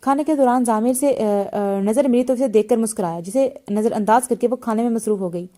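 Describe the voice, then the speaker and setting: A woman reads a romance novel aloud, doing every character's lines herself. Her voice sits a little high but sounds soft and mellow. She stumbles often and restarts her words as she goes. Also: brisk. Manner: reads all the characters in a lightly shifted voice, with frequent slips and restarts. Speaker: novel reader.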